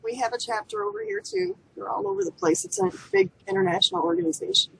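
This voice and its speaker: A woman's voice: extremely high pitch, animated, fast, creaky, fairly bright tone, slight background noise, rough recording. A woman in a casual online group chat, laid-back and giggly. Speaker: guest team lead.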